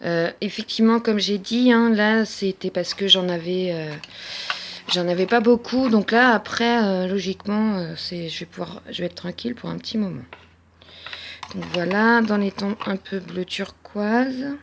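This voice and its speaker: Chatty woman with a gravelly voice. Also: mid-range voice, normal speed, a little hiss or hum. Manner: chatty, hesitant with many fillers. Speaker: crafting vlogger. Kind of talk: casual haul show-and-tell. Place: at home.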